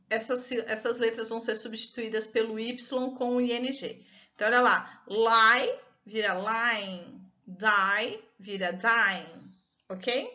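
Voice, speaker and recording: A woman's voice: a little high, bright, forceful tone. A woman with a Brazilian Portuguese accent, an English teacher patiently explaining a recorded online lesson step by step. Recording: dull lo-fi recording.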